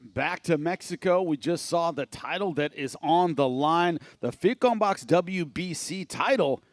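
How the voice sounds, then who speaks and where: A man's voice: fairly high pitch, animated, a little slow, no echo. A man giving conversational live play-by-play commentary on boxing.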